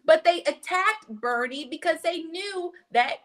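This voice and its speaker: Young female guest, a doctor; expressive, storytelling delivery with playful impressions and a wide, bouncing pitch. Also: a little slow. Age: young adult. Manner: acts out quoted people in exaggerated voices. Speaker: physician and political surrogate, podcast guest. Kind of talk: animated storytelling in casual conversation.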